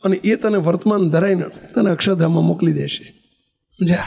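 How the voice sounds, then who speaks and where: A man's voice: high-pitched, fairly quick, vocal fry, husky. A man telling a story in a sermon, acting out the characters' calls. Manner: animated storyteller, acts out shouting characters. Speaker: preacher.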